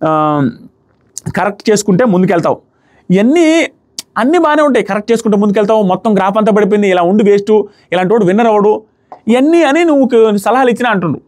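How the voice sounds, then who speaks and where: A man's voice: high voice, lively intonation, quick pace, long pauses, a little mellow. A man giving a casual, emphatic review of a reality show episode, retelling scenes in quoted lines.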